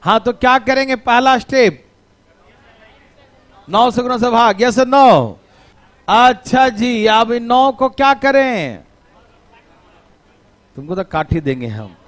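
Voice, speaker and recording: A male teacher giving a lively classroom math lesson, teasing and scolding his students playfully. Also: very high voice, slow pace, long pauses.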